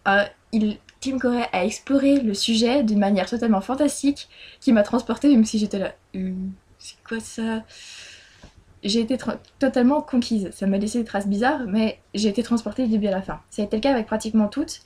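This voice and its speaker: A woman's voice: on the high side, fast talker, a little mellow, slightly rough. Chatty woman reviewing books. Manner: chatty, hesitant, many fillers and restarts. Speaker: book blogger. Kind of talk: casual monthly reading review.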